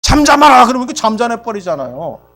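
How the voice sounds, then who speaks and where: A male pastor delivering a sermon, animated and expressive. His voice sits high for a man. It moves widely up and down as he tells Bible stories and acts out their characters. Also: moderate pace.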